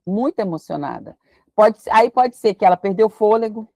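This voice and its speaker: A woman's voice: medium pitch, expressive, normal speed, gravelly, mellow, no room sound. A woman, teaching a casual Bible study and thinking aloud as she reads verses. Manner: chatty, thinks aloud while reading verses.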